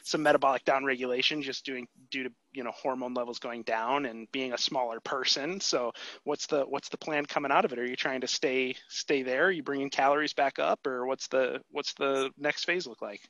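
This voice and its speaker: A man hosts a podcast in a friendly, casual way, with a bright, forward tone. The sound is dry and a little dull, with no room around it. He restarts phrases often, repeating words as he sets up his questions. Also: mid-range voice, steady tone, fairly quick, hardly any pauses, no echo. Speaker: podcast host. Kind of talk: casual interview chat.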